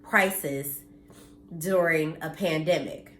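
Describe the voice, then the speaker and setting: A US woman in her thirties vlogs from home straight to camera, talking earnestly and bluntly, a bit preachy, with occasional cursing. Her low voice is slow, fairly bright, and slightly nasal and congested from allergies. The audio is roomy with a little hiss or hum.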